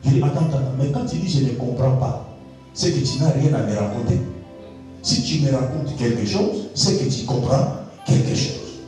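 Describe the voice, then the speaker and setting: A man preaching a sermon. He repeats words for emphasis and swings from low asides to shouted high lines. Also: normal speed. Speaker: pastor. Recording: very echoey, distant from the mic, faint music.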